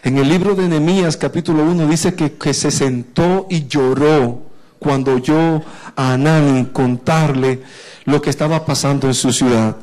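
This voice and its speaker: Animated Dominican preacher, fairly high voice. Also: male voice, normal speed. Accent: Dominican Spanish. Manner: animated, chatty, addresses listeners by name, many restarts. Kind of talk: informal sermon.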